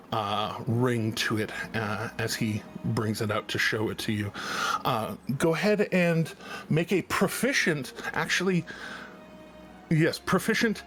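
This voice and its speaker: Slow halting man running a tabletop game. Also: mid-range voice, fairly bright tone. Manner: halting, many fillers and restarts. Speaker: game master.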